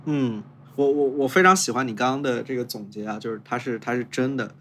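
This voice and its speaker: A man's voice: medium pitch, brisk, a bit bright, slight background noise. A man co-hosting a podcast, responding thoughtfully in casual conversation. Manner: thoughtful, musing. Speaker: podcast co-host. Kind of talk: casual chat.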